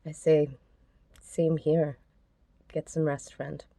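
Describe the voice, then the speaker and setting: A woman podcast host reading out a message exchange in a soft, measured, earnest way. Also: sits low, flat delivery, creaky, no room sound.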